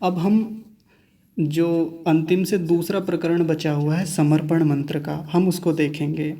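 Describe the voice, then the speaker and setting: Slow, mellow male Sanskrit teacher. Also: on the high side, flat delivery, far from the mic. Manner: slow, deliberate syllable-by-syllable demonstration; contrasts wrong and right pronunciations repeatedly. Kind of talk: recorded online class.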